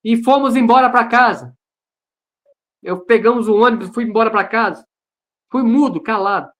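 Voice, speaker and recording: A man's voice: very high-pitched, normal speed, fairly bright tone. A Brazilian man, a pastor, sharing his personal testimony in an online service over a video call, earnest and repeating phrases for emphasis. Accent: Brazilian Portuguese.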